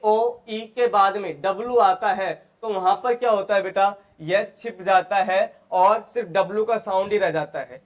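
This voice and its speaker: A man teaching English pronunciation in who keeps asking his students questions and repeating each answer. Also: sits high. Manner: asks and repeats questions, calls students "beta". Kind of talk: classroom lesson.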